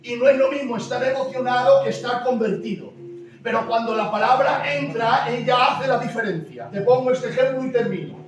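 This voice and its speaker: A man's voice: extremely high pitch, a little fast. A man from preaching a sermon, emphatic, repeating key phrases and asking the congregation questions. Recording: very echoey hall, distant mic, music behind.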